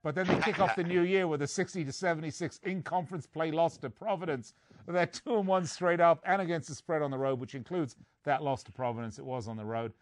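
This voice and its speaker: A man's voice: a little high, fairly quick, no echo. A man co-hosting a sports betting show, reading lines and records with jokey asides and puns.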